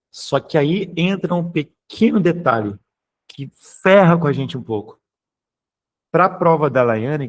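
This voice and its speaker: A man with a Brazilian Portuguese accent teaches grammar in a live online class. His voice sits a touch high, and his delivery is informal and patient. He keeps pausing to check that students are following. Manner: explanatory, keeps checking in with "tá?" and "beleza?"; informal, occasionally swears.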